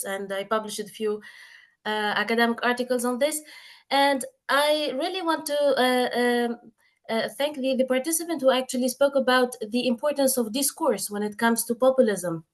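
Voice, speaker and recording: A woman from Tunisia, a researcher, giving a remark at an academic panel over a video call, speaking in measured phrases with many fillers. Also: fairly high pitch.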